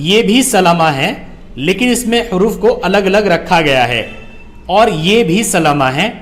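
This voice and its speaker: A man teaches Quran reading as a lesson. He spells letters out slowly and deliberately, one sound at a time, then explains the exercise in a plain instructive tone. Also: high voice, fairly bright tone.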